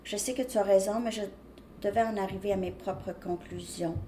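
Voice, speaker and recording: A woman speaks at an ordinary middle pitch as she gives a casual tarot reading to her viewers. Her speech is loose and rambling, full of small restarts. A faint hum of room ambience sits beneath her voice. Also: fairly even intonation, brisk, mellow. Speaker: tarot reader.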